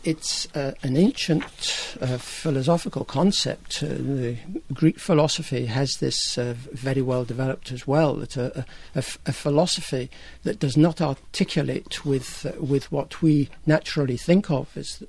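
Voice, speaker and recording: A man with a Scottish accent, a panel guest speaking in a measured, hesitant way with frequent fillers. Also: mid-range voice, vocal fry, a little mellow, breathy edge. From Scotland. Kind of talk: academic panel discussion.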